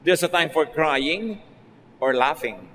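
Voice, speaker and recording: A Filipino pastor preaches with easy, joking asides in a somewhat high voice. His words ring out with a long reverb in a large hall. A faint ambient hum sits under the talk. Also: lively intonation, takes it slowly, fairly bright tone. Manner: conversational preaching, mixing Tagalog and English, playful asides. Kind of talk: sermon.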